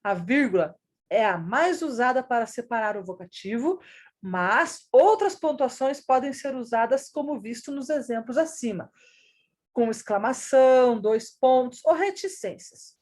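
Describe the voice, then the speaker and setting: A woman's voice: fairly high pitch, animated, unhurried, a little mellow. A woman, teaching a recorded grammar lesson and explaining patiently with rhetorical questions.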